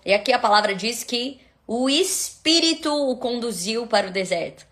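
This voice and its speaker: A Brazilian woman hosting a devotional live stream, moving from soft prayerful murmurs into lively preaching. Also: a little high, normal speed. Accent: Brazilian Portuguese.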